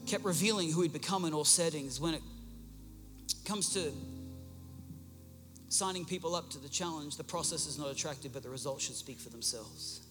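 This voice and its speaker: A man's voice: fairly high pitch, moderate pace, pauses often, in a large hall, music in the background. A male pastor preaching a sermon in a large church, with emphatic repeated refrains.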